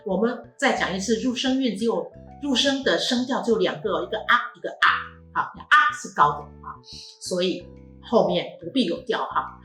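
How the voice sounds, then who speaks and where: A woman teaches the tones of her language, explaining patiently and sounding out each syllable slowly. Her voice rings in an echoey room, with faint music underneath. Her pitch sits in the middle. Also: animated, a bit bright. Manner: patient, explanatory, drawn-out vowels and modelled syllables. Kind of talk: classroom tone lesson.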